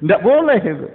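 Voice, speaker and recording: Animated preacher, tinny and echoey. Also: male voice. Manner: animated, rising to high emphatic bursts and dropping low. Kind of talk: dawn sermon. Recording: tinny phone-like sound with long hall reverb.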